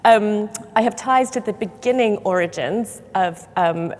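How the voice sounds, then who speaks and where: A woman's voice: mid-range voice, a little slow. A woman born in Hong Kong, a public historian on a panel, speaking thoughtfully with many fillers. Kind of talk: panel seminar remarks. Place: large church hall. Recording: long hall reverb.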